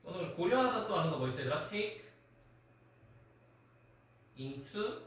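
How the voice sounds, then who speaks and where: A man teaching an English class, quizzing students by name and sometimes scolding them in an animated way. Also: sits high, unhurried. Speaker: high school English teacher. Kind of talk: classroom lecture. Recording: echoey classroom from far off.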